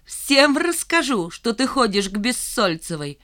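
A woman reading an audiobook, voicing a teenage boy bully who jeers and shouts taunts. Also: fairly high pitch, moderate pace, natural voice. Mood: jeering. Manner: jeering, shouting.

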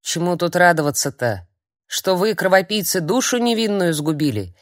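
A woman reading an audiobook, voicing a cantankerous, half-blind old hag who scolds and jeers in a high, strained voice. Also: very animated, no echo, studio quality. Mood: scornful. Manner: shrill, scolding, drawn-out jeers.

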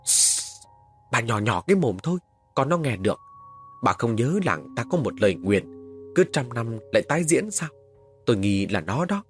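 A man voicing a gruff, anxious village father who speaks curtly and in grave, hushed tones, in a spoken horror story. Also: mid-range voice, big pitch swings, moderate pace, soft background music, lightly acted.

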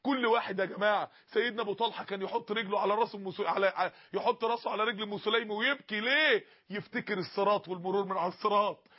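Egyptian guy preaching, really high voice, fast and husky, kinda muffled lo-fi audio. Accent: Egyptian Arabic. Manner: impassioned, pleading, acts out dialogue with God. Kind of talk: emotional Egyptian Arabic sermon. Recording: dull lo-fi sound.

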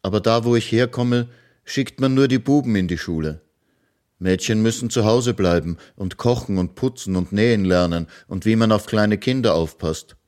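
A man voicing a wistful young girl who longs to go to school, in a gentle reading voice. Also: on the low side, moderate pace, pitched above the performer's own voice, lightly acted.

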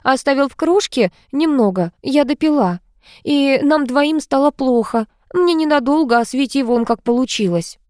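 Woman voicing an older mother, soft, fretful, pleading, higher voice. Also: normal speed, dry recording, studio quality, close to an everyday voice. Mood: worried. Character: older mother, gentle and anxious.

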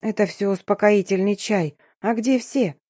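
A woman's voice: mid-range voice, moderate pace, no echo, studio quality, close to an everyday voice. A woman voicing a young female friend who whispers her news in a scared, teasing, conspiratorial way. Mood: worried whisper. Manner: hushed, whispering, sly.

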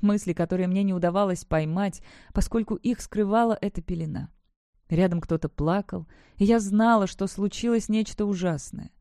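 An expressive audiobook reader narrating a novel in the first person with a dramatic touch. The voice is mellow and unforced, recorded dry and close with no room sound. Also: medium pitch, moderate pace, no echo.

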